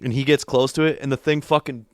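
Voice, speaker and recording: A young man from California trades loose, profane banter as a podcast co-host. His voice is smooth and resonant, close on the mic in a dry, deadened room, at an everyday middle pitch. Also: steady tone, fast talker, no echo. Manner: loose, profane, laughs easily. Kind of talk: casual chat.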